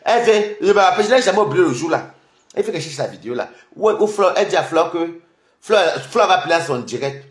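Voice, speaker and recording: Male streamer; animated, scornful gossip commentary with lots of repeated words, in a roomy, echoing space. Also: on the high side, quick pace. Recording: roomy echo.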